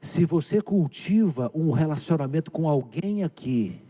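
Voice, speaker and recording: A man with a Brazilian Portuguese accent preaching a sermon to his congregation. He swings between loud, urgent bursts and hushed, low passages and asks the listeners questions directly. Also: animated, a little slow. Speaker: pastor. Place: church sanctuary.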